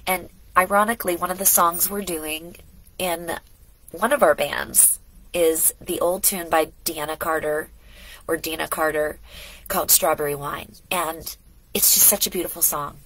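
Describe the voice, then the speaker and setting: She's a middle-aged lifestyle vlogger speaking casually indoors at her home studio, a bit congested with a cold, chatty and wandering with asides and restarts. Her fairly low voice is steady, unhurried and fairly bright. There's no room sound, but the recording is low quality.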